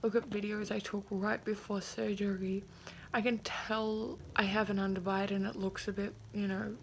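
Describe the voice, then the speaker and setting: Creaky-voiced young woman with a sore jaw. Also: mid-range voice, little pitch movement, moderate pace, slight background noise, low-quality recording. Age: 20s. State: recovering from jaw surgery, sore puffy mouth with slightly impeded speech. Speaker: vlogger. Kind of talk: casual reflective video diary.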